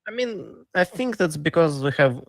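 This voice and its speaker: A man's voice: fairly high pitch, big pitch swings, moderate pace, gravelly, dry recording. A man co-hosting a casual card game podcast, explaining in a plain, matter-of-fact way. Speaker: co-host.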